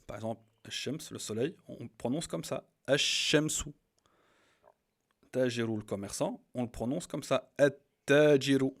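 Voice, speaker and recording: A man teaching Arabic grammar in a voice, patiently repeating each example word slowly and stressing it. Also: medium pitch, vocal fry, a little mellow, breathy edge. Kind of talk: grammar lesson.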